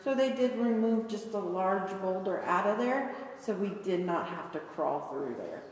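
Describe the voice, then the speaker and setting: A female cave tour guide explains things casually to visitors inside a large cave, her mid-range voice animated, darkish in tone, and moderately paced. She's recorded from a distance, amid long reverb, heavy echo and background noise.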